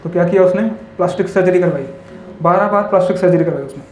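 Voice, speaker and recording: A monk gives a spiritual talk to a live audience in an echoey hall with faint ambience and soft background music. His high, slightly mellow voice moves fast as he tells parables and stories, mixes in English words, and keeps asking the audience tag questions.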